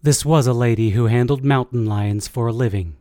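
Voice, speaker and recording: A man reading a first-person audiobook in a measured, steady way. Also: mid-range voice, no echo, studio quality. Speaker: audiobook narrator.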